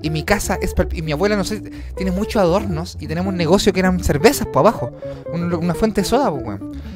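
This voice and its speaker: A man's voice: sits high, animated, fast. A young Chilean man telling a long story in casual chat, rambling and slangy, swearing and acting out voices. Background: guitar music.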